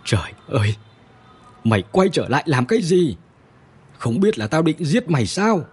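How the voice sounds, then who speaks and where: Anguished starving peasant father, put on by a male narrator, raised strained pitch, husky edge. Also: big pitch swings, normal speed. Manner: anguished, shouting and weeping. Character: desperate starving middle-aged peasant father.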